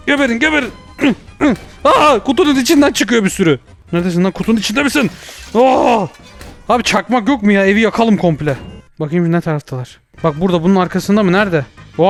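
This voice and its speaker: Fast excitable young man gaming. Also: high-pitched. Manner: rapid, jumpy, yelling and cursing at spiders. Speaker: VR gaming YouTuber. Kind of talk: excited let's-play commentary.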